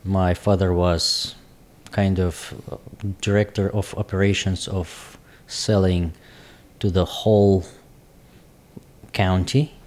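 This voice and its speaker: A man in his forties with a Russian accent, speaking in halting, searching English as an interview guest. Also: sits low, flat delivery, a little mellow. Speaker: guest, business owner. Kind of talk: casual interview talk.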